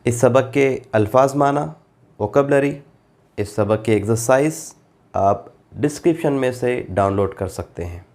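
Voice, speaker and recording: In a classroom grammar lesson, a man teaches Quran translation by reading Arabic phrases aloud and explaining them in Urdu, repeating forms so students can drill. He's patient, slow and deliberate, speaking in a mid-range, slightly mellow voice.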